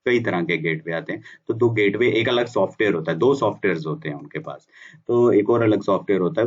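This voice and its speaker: A man's voice: deep voice, distant mic, dull audio. A man explaining a technical process in a casual lesson, often restarting words and mixing in English terms. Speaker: instructor explaining bulk SMS business.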